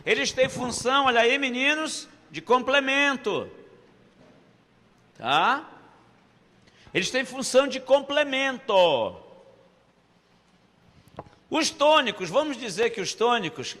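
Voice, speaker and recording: Lively high-voiced Brazilian man teaching. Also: long reverb tail. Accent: Brazilian Portuguese. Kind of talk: online exam-prep grammar lesson.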